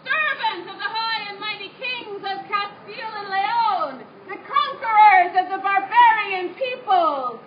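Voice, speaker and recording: A woman reading the part of a grandiose male Spanish conquistador herald in a live skit, declaiming slowly. The recording is echoey and muffled, from a mic far off. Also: extremely high pitch, animated, a crowd in the background. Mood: proclaiming.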